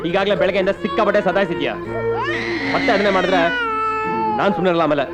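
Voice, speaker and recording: A man playing a gruff, blustering babysitter in a movie. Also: high-pitched, quick pace, loud music behind the voice, natural voice. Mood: exasperated. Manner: scolding, blustering. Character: gruff young man, clumsy babysitter, short-tempered. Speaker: film hero. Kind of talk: film dialogue. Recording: movie soundtrack with loud score.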